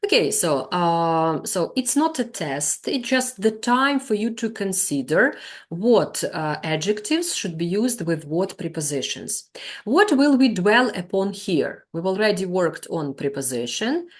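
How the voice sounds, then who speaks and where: A woman's voice: fairly low pitch, big pitch swings, measured pace. A woman with a Ukrainian accent running a teacher-training lesson, patiently repeating words to model their pronunciation.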